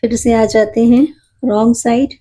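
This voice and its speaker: A woman's voice: a little high, level tone, moderate pace, mellow, breathy edge. A woman with a cold teaching a knitting tutorial, patiently counting stitches aloud and explaining each step. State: has a cold, voice a bit rough.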